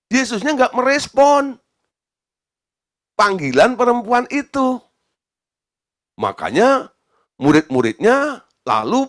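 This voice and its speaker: A male pastor delivering a sermon, animated, asking the congregation questions and acting out the voices of the people in his story. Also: very high voice.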